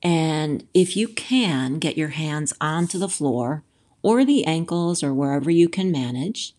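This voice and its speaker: A woman with a low-pitched voice teaches yoga and breathing. Her delivery is very slow and gentle. She gives measured, soothing instructions in short phrases with pauses between them. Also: lively intonation.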